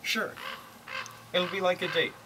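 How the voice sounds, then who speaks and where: A woman's voice: on the low side, fairly even intonation, measured pace, close to an everyday voice. A woman playing a cocky teenage boy. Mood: coaxing. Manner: coaxing, offhand, smooth-talking. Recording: loud background noise.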